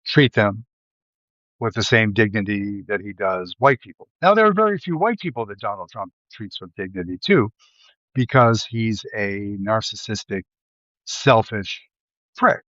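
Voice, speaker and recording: Hosting a live video on his stream mic, an Ohio man with a Midwestern accent wanders between topics, restarting often and leaning on fillers. His voice is on the low side, unhurried and a bit bright, and the dry recording sounds muffled.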